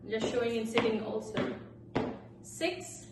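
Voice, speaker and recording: A woman's voice: on the high side, unhurried, loud music behind the voice. A woman leading exercise as an aerobics instructor, cueing and counting out moves with short, encouraging instructions. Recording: echoey, noisy room, distant microphone.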